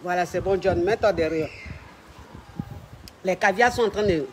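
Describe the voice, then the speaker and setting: A man's voice: high voice, normal speed, slight background noise. A man, a relationship coach talking on a live stream at home, flamboyant and mocking in his delivery. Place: at home with family around.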